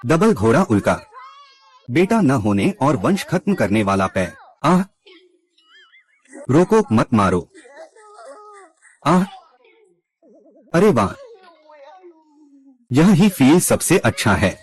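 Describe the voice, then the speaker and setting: A man's voice: mid-range voice, big pitch swings, takes it slowly, pauses often, slightly rough. A man narrating a drama recap in a scripted way, reading out every character's lines himself.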